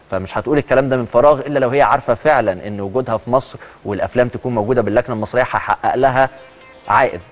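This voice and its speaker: A male TV presenter with an Egyptian accent talks quickly through a social media news round-up. He mixes read-out items with chatty, emphatic comments of his own, at a mid pitch. A faint music bed plays under his studio voice. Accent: Egyptian Arabic.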